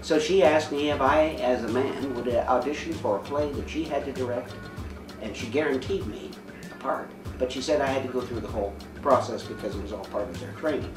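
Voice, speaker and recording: A veteran actor in his sixties from Saskatchewan, Canada, chats casually as an interview guest, poking fun at himself and laughing often. His mid-range voice is fairly quick, but the audio is poor: reverberant, distant from the mic, with music in the background.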